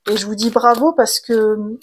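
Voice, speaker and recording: A woman talks through a tarot reading in a relaxed, chatty way, pausing on gentle fillers and restarting her sentences. Her voice sits a little high for a woman. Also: background noise. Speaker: tarot reader. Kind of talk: casual spiritual card reading.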